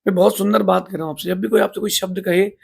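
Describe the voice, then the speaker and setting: Gravelly high-voiced man preaching. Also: fairly even intonation, very fast. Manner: emphatic, rising and falling in loudness. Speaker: monk giving a discourse. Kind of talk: moral sermon.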